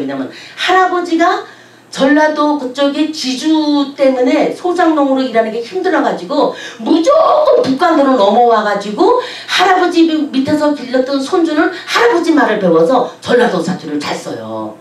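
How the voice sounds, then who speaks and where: A middle-aged woman pastor preaching in a chatty storytelling way, often laughing as she talks. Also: high voice. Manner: lively, chatty, laughs while telling stories. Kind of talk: sermon with storytelling. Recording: echoey hall from a distance.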